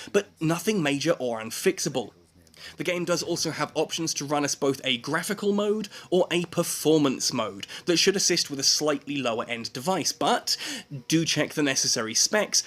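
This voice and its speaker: A man's voice: on the high side, fairly bright tone. A man narrating a scripted video game review, with emphatic, dramatic phrasing.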